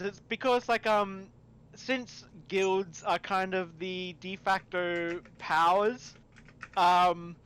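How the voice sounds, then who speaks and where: A man running a tabletop game over voice chat, explaining his setting in a relaxed, chatty way. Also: high voice, clean tone, rough recording. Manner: relaxed, explains setting rules while eating. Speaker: game master.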